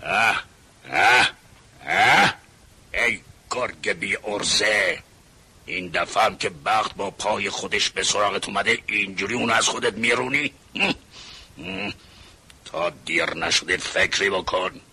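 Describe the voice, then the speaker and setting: A greedy, gullible wolf blusters through a children's radio play. His voice is gravelly and raspy with a sharp, bright edge, pitched a little high. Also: full character voice. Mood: scolding himself. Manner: blustering, easily tricked.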